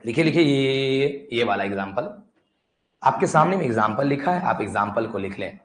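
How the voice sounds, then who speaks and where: A man's voice: medium pitch, lively intonation, moderate pace. A male chemistry tutor, lecturing a class, repeating himself and urging students to write, with joking dialect asides. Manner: coaxing and repetitive, keeps urging students to write; banters and jokes with the class in dialect. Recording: echoey classroom.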